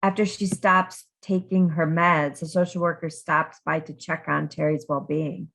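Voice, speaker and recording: A woman's voice: low voice, flat delivery, a little slow, creaky, a bit bright. A woman giving a recorded criminal justice lecture, conversational and full of questions to her students, with frequent ums and restarts.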